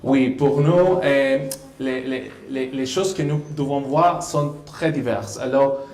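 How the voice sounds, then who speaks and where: A man with a Spanish accent and halting, non-native French, answering as a guest in a live radio interview. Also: mid-range voice, a little mellow. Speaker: interview guest, deputy consul. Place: live event venue with an audience. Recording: echoey room.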